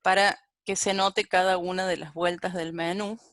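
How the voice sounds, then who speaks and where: A woman's voice: lowish voice, flat delivery, moderate pace, a bit bright, no room sound, studio quality. A woman giving a live-coding programming lecture and thinking aloud as she types and corrects herself. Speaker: programming teacher.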